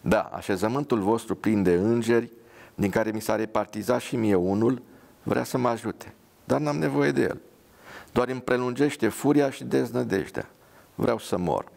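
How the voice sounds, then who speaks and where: A man's voice: sits low, expressive, gravelly, darkish tone. A man voicing a bitter, paralysed young soldier who speaks angrily and sarcastically. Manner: angry, sarcastic.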